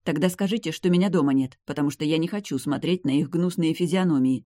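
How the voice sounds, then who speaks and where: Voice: mid-range voice, quick pace, mellow, no echo, clean studio sound, close to an everyday voice. A reader voicing a hot-tempered, proud young noblewoman heroine with fierce, scornful delivery. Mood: furious.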